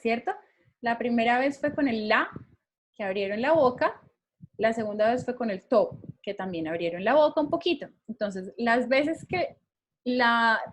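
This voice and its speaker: A woman with a high voice leads an English class. She explains things patiently and keeps checking that her students are following. She speaks into a computer mic for a recorded online class. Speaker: English teacher.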